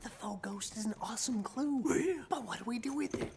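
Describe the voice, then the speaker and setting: High-voiced goofy slacker sleuth. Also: male voice, a little fast, vocal fry, husky, exaggerated voice. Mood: eager, goofy. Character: goofy, jittery young male slacker sleuth. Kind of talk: live-action cartoonish comedy film acting.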